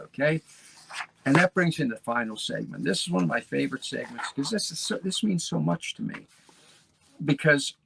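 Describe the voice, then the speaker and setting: A man in his seventies hosting a talk show, folksy and rambling, encouraging his listeners with a gravelly voice. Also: mid-range voice, slight background noise, poor audio. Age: 70s. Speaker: podcast host. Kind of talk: motivational casual talk.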